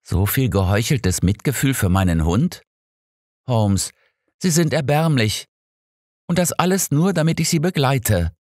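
A man's voice: medium pitch, expressive, measured pace, darkish tone, no room sound, clean studio sound, voice pushed up. A man voicing a stubborn, easily offended older doctor in an audiobook, speaking with indignation. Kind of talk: audiobook character dialogue.

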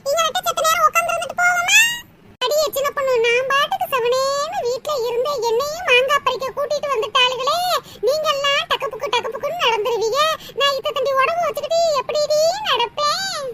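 A woman voicing fussy, timid village women in a cartoon, whining and scolding in a grumbling rural drawl. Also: very high-pitched. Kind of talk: cartoon voice acting. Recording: loud noise.

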